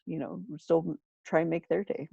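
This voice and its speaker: A soft-spoken woman hosting an interview podcast, talking casually with many fillers. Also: low-pitched, flat delivery, moderate pace, creaky, husky, dry recording. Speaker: podcast host. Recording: dull lo-fi dry sound.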